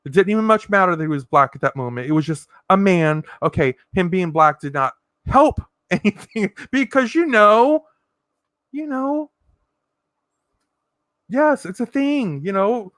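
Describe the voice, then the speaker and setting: A woman's voice: medium pitch, lively intonation, a little slow, a bit bright, dry recording, studio quality. A woman vlogger telling stories to the camera in a sassy, dramatic way, laughing often. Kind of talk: chatty storytelling monologue.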